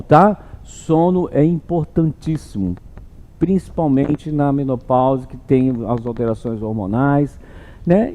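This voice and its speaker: A man's voice: mid-range voice, mellow. A male gynecologist giving a health talk to an audience at an event, conversational and often checking in with "né?". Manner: conversational, keeps adding "né?" and "tá?". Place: event hall. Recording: long hall reverb.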